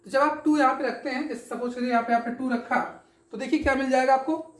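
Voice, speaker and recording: A woman's voice: high-pitched, steady tone, fast, roomy sound. A woman teaching a chemistry lesson, explaining step by step, asking her students questions and answering them herself, often checking that they follow. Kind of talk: classroom lecture.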